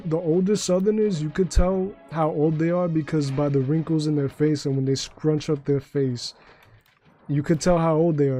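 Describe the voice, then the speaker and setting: A man's voice: on the high side, warm tone. Rambling, cursing male game streamer. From New York. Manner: profane, rambling, jokey storytelling. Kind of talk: casual live-stream chat while gaming.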